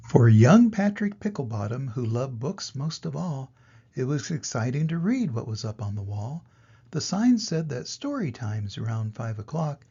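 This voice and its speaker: An older man, a grandfather, reading a children's story aloud in an expressive grandpa voice to little children. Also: medium pitch, creaky, slightly rough, muffled recording.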